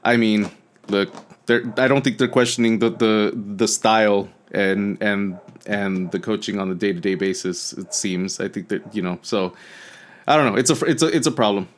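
A man's voice: on the low side, moderate pace. A man co-hosting a podcast, chatting casually, hesitant and often repeating words before trailing off. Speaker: podcast co-host. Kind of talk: casual chat.

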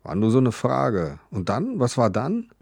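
A man's voice: medium pitch, huge pitch swings, measured pace, gravelly, darkish tone, no room sound, studio quality, full character voice. An actor narrating a children's audio drama as a wry, skeptical man. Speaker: Klaus, narrator and friend.

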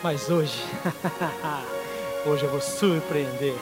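Brief: man as a proud, clueless husband in a church skit, exclamatory, with clear music playing behind. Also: a little high, extremely slow. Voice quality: boastful, exclamatory. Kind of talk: amateur stage skit.

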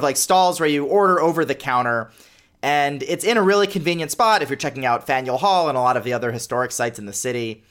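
A man's voice: on the high side, a bit bright. A man in his thirties hosting his own solo podcast, talking in a chatty, self-deprecating, conversational way. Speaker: podcast host. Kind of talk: casual solo podcast monologue.

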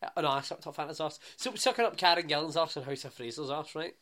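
A man's voice: a little high, fast talker, fairly bright tone. Teasing Scottish guy, blunt banter. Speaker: podcast co-host. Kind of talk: casual chat.

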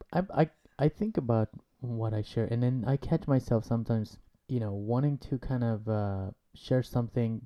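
A man's voice: on the low side, muffled recording. A man in his thirties hosting a podcast, asking questions in a casual, hesitant way as he works them out. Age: 30s. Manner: casual and hesitant, many fillers while forming questions. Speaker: podcast host. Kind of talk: conversational interview.

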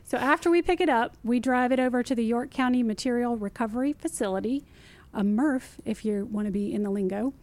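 A woman, a recycling expert explaining things in a casual interview, lively and emphatic, repeating her key phrases. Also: a little high, fairly quick. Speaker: city recycling guest expert.

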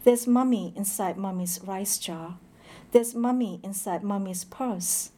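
Reading poetry aloud, this woman takes her time and keeps a measured rhythm. Her short introductions are dotted with hesitant pauses, and her warm voice sits at a medium pitch.

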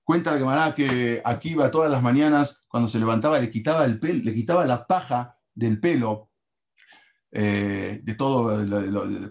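Animated man telling a lesson story. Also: mid-range voice.

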